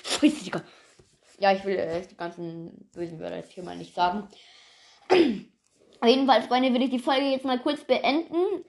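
A woman's voice: fairly high pitch, fairly even intonation, normal speed, vocal fry, a little mellow, a little hiss or hum. A woman narrating her homemade audio episode in a rambling, casual way, talking straight to her listeners. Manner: rambling, full of fillers, addresses listeners as friends. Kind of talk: casual chatty narration to viewers.

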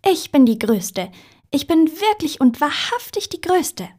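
A woman voicing a proud, boastful female puddle in a storybook reading, with a shrill, self-important voice. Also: sing-song, unhurried, darkish tone.

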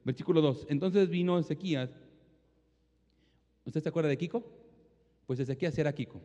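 A male pastor delivering a Spanish-language sermon with call-and-response, swinging between loud exhortation and quiet, low asides. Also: a little fast. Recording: dull, long-reverb hall sound.

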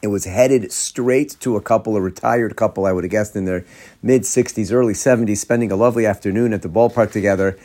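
A man from Atlanta, a rabbi telling a story in a sermon, acting out the people in it with quick laughs. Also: fairly low pitch. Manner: animated storyteller, acts out quoted voices with laughs.

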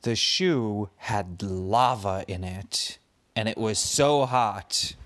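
A father telling his child an improvised bedtime story in a gentle, patient way. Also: on the low side, slow pace, no room sound.

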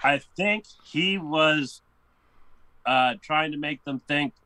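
A man with a bright, forceful voice chatting casually on a podcast, recorded dry and close with no room sound. He is laid-back and tends to push back with his own opinion. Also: on the high side, slow pace, clean tone, dry recording. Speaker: podcast co-host. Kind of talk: casual chat.

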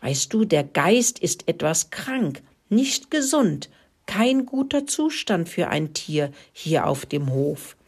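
A woman voicing a sly, stern tomcat in a storybook reading, hissing softly and menacing. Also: lowish voice, very animated, slow, breathy edge, exaggerated voice.

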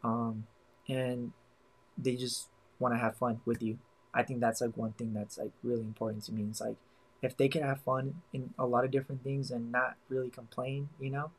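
A man's voice: mid-range voice, little pitch movement, moderate pace, rough recording. A young man co-hosting a casual chat, rambling with lots of "you know" and "like" fillers. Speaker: podcast co-host.

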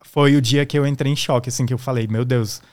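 A man's voice: medium pitch, steady tone, fast talker, darkish tone. A man, a guest musician, telling a personal story in a casual way and acting out the voices of the people in it. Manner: acts out the voices in his stories.

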